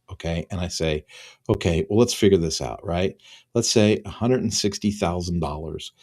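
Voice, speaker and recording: This earnest business consultant, a man in his fifties, records a promotional talk straight to camera. His voice is low and a little mellow, and he leans on repeated phrases for emphasis.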